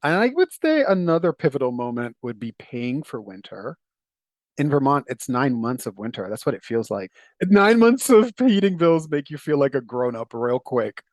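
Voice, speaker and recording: Speaking at a moderate pace in a sing-song, medium-pitched voice, this middle-aged man from Jamaica shares his story as an interview guest. The studio-quality recording has no echo. His manner is reflective and warm, with easy laughter and the occasional restart.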